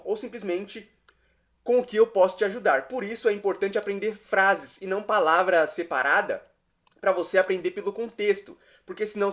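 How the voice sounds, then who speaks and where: A man teaching an online language lesson, explaining phrases patiently and repeating them slowly word by word. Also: sits high, a bit bright. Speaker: English teacher.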